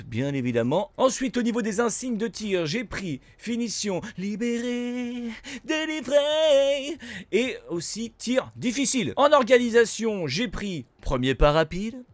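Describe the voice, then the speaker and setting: A man giving casual gameplay commentary as a gaming YouTuber, chatty, swearing casually and bursting out loud at big plays. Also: high-pitched, no room sound.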